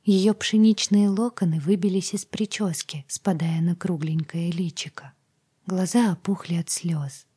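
A woman reads a first-person audiobook in a hushed, half-whispered voice. Her voice sits low and dark, with a husky, breathy grain. She keeps it intimate throughout. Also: fairly even intonation, measured pace. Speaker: audiobook narrator.

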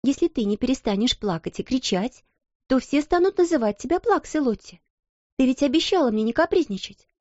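A woman voicing a kind but firm schoolgirl, gentle yet stern. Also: high-pitched, sing-song, moderate pace, dry recording, muffled recording, pitched above the performer's own voice. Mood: coaxing.

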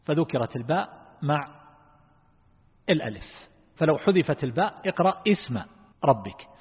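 A man with a husky, slightly raised voice teaches a religious lesson. He explains slowly and deliberately and quizzes his listeners. The sound is thin and phone-like, with a long reverb from the hall. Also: a little high, big pitch swings. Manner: asks the class questions. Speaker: Islamic scholar teaching Quran reflection.

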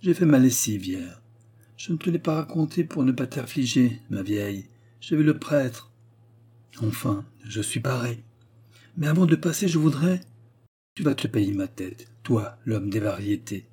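A proud, fervent old tragic actor near death, pleading with grandiose emphasis, as a male reader puts him on. The voice is dark and husky. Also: mid-range voice, expressive, unhurried.

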